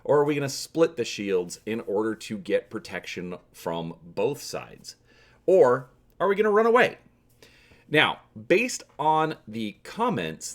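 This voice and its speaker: A man with a fairly low voice hosts a story channel. He speaks emphatically and theatrically, as in a dramatic reading of an adventure. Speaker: host and narrator of a story channel.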